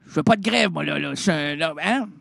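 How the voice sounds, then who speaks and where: Hyper québécois radio guy rambling nonsense, highish gravelly voice, dry sound. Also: brisk, dry recording. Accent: Québécois French. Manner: excitable, rambling, stumbling over words, pitch swinging wildly. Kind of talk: absurd comic radio monologue.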